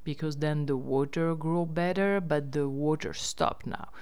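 Female host, deep clean tone, informal update delivery. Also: steady tone, measured pace, darkish tone, clear, resonant tone. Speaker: host running a riverside lodge and campsite. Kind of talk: casual spoken news update.

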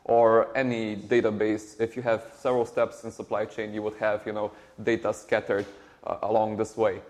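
A man, a startup co-founder answering interview questions in a halting way with many repeated words. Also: fairly low pitch, level tone, a little mellow. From Slovenia. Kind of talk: conversational interview.

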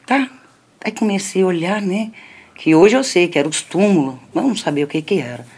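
A woman's voice: on the low side, animated, fairly quick, darkish tone, slightly rough. An older woman telling a personal story in a conversational way, often adding little tag questions and speaking straight to her listeners. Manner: conversational, lots of "né" tags, addresses listeners. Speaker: storyteller recounting a childhood memory. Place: community center.

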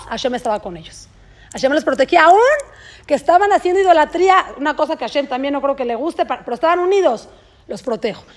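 A woman with a Mexican accent gives a spoken religious lesson in an earnest, emphatic way, often restarting her words. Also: high-pitched. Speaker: religious teacher.

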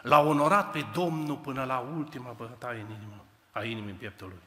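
A man preaching a sermon, telling the story in an animated way and speaking straight to the congregation. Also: mid-range voice, big-room sound. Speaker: pastor. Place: church hall.

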